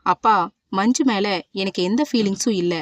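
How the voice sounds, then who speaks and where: A man's voice: high-pitched, moderate pace, a bit bright, dry recording. Woman reading as a hot-tempered young hero. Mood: pleading. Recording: dull, dry audiobook recording.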